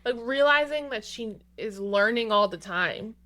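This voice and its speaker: A woman's voice: on the high side, lively intonation, a little slow, bright, forceful tone. A woman in her thirties co-hosting a podcast, chatting casually and gushingly with lots of filler words. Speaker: podcast co-host. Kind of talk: casual chat.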